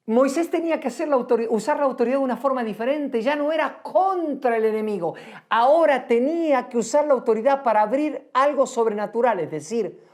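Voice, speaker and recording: A woman's voice: mid-range voice, a little mellow. A woman preaching a sermon, earnest and repetitive, asking rhetorical questions of the congregation.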